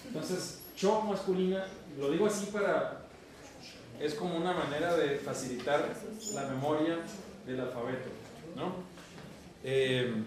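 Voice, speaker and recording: A man from northern Mexico with a northern Mexican accent, teaching a class, joking and calling on students by name while repeating sounds slowly. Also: a little high, far from the mic, noisy background. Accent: northern Mexican Spanish. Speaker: Esperanto teacher. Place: university classroom. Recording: very echoey classroom taped from afar.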